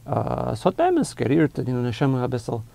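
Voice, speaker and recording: A man's voice: mid-range voice, wildly swooping pitch, a little fast, creaky, dark tone. A man co-hosting a casual chat, friendly and asking his partner questions. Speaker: podcast co-host.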